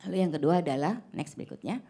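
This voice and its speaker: A woman preaching a conversational church sermon, speaking directly to the congregation and often checking in with a quick "ya". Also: deep voice, expressive, dark tone, slightly rough. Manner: chatty, keeps checking in with "ya", addresses the congregation directly.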